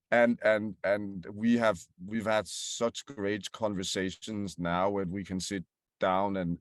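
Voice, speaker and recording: A man's voice: low voice, no room sound, studio quality. A man, a guest on a podcast, answering questions with many fillers and repeated words. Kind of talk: interview answers.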